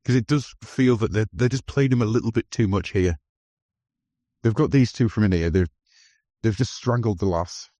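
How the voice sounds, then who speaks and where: A man's voice: on the low side, normal speed, dark tone, dry recording. A man hosting a podcast, chatting casually and enthusiastically about a film as it plays. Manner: enthusiastic, talks over film scenes. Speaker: podcast host. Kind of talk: casual film commentary chat.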